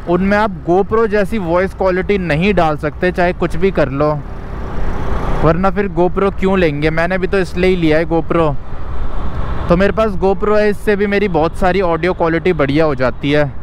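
A man's voice: high-pitched, moderate pace. A young man in casual motovlog commentary, riding a scooter through city traffic and chattily explaining tips to viewers through a helmet mic. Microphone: helmet mic recording from a ride. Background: faint traffic and wind.

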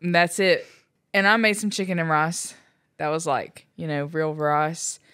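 Young woman, lowish voice, dry close sound, teasing storyteller in casual couple chat. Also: steady tone, measured pace, a bit bright, clear, resonant tone, dry recording. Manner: teasing, laughs often, storytelling. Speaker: co-host, wife.

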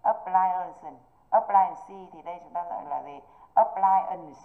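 Low-voiced woman teacher, tinny call audio. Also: a little slow. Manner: patient, repeatedly checking students understand. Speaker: English teacher. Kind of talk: online exam review lesson.

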